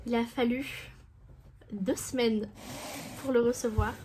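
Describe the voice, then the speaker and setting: A woman's voice: on the high side, fairly even intonation, slow, a little mellow, slight background noise. Chatty young Frenchwoman unboxing beauty products. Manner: chatty, enthusiastic, rambling asides. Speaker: beauty vlogger. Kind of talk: casual unboxing chat.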